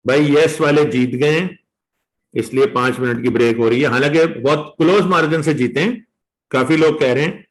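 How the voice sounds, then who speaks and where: A man with a Pakistani accent teaching an online law revision class, drawing out the legal phrases slowly and coaxing his students along. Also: fairly high pitch, poor audio. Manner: mixes Hindi-Urdu with English legal terms, coaxing students; slow and drawn out when reading points aloud. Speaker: law lecturer.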